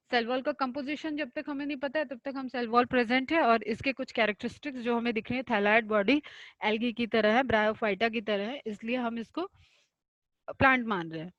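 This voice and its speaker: High-pitched woman teacher, talks students through each term step by step; dry, slightly dull audio. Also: fairly bright tone, no echo. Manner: explains step by step, asks and answers own questions, reads definitions slowly. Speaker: biology teacher. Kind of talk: online class lecture.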